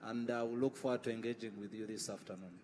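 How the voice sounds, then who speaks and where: A man's voice: lowish voice, steady tone, fast talker, heavy background noise. A man, a chief executive introducing himself formally on a conference panel. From Rwanda. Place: large conference hall. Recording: reverberant conference hall.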